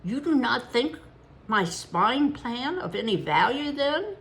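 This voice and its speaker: Eager cheeky boy, storybook, boastful, quick-witted, woman reader putting him on, high pitch. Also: very animated, fairly bright tone, heavily acted.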